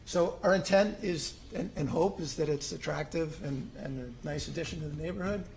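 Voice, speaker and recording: Speaking a little fast in a slightly high, creaky, somewhat mellow voice, a middle-aged homeowner applicant presents his own plans to a city commission. The informal public-meeting talk in a city hall meeting room is hesitant, with many ums and restarts, over slight background noise.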